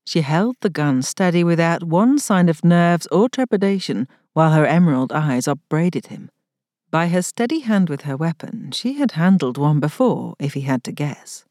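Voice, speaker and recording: Expressive woman reading a period romance. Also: deep voice, normal speed, dry recording, studio quality. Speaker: audiobook narrator. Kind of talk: scripted narration of a historical romance.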